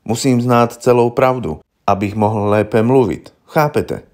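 A man's voice: mid-range voice, darkish tone, lightly acted. A man voicing a young, naive defense lawyer who speaks formally and patiently, explaining things to his client. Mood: earnest.

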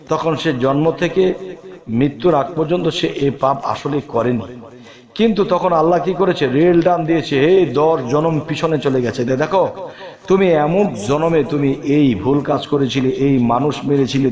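Preaching man, higher voice, crowd behind. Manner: rhetorical questions, quoting prayers with rising emphasis. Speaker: spiritual preacher. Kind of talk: devotional sermon.

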